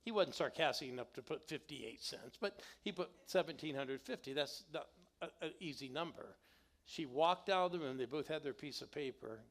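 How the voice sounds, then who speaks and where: In a church sanctuary, a middle-aged guest preacher tells stories in his sermon, speaking at a normal speed with a fairly high pitch. He's lively and repeatedly urges the congregation to call back to him.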